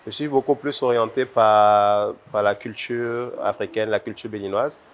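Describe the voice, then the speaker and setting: Low-ish and steady at a normal speed, a man's voice with a Beninese French accent comes through a muffled recording full of ambient noise. He's a visual artist being interviewed, replying conversationally and repeating words as he thinks.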